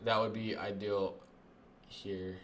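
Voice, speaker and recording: A man's voice: on the low side, flat delivery, takes it slowly, fairly bright tone, slight background noise. A young man doing casual livestream trading commentary in a slangy, swearing gym-bro manner, saying bro constantly. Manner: gym-bro hype talk, slangy and profane, says bro constantly. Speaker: live trading streamer.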